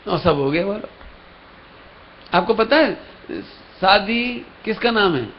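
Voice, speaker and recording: In a lecture hall at a religious camp, a man with a high, lively but slow voice preaches a Jain sermon. He tells a story, acts out the characters' lines, and puts questions to his listeners. The live stream audio is dull with a faint hiss.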